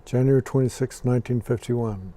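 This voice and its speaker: A man's voice: medium pitch, brisk, mellow. A man in his sixties with an American accent, born in Scotland and raised in Ireland, answering interview questions in a plainspoken, dry way. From born in Scotland, raised in Ireland and Los Angeles. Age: 60s. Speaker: interview guest.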